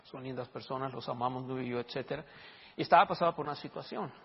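A man preaching as a pastor, telling stories and acting out the dialogue loudly. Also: medium pitch, fast, vocal fry, breathy edge. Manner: animated, acts out dialogue loudly. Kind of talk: sermon with storytelling. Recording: dull reverberant hall recording.

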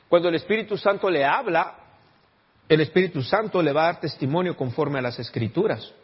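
A man's voice: high voice, breathy edge, lo-fi sound. A male pastor preaching a sermon, often turning to the congregation with questions. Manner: keeps asking the congregation rhetorical questions.

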